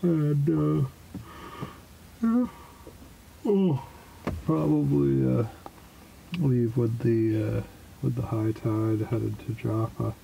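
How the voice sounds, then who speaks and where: A man talking casually in a slow, halting way with many fillers, recorded in a small boat cabin at anchor. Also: medium pitch, steady tone, vocal fry, warm tone, slight background noise, rough recording. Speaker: small boat sailor vlogging. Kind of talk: casual spoken log.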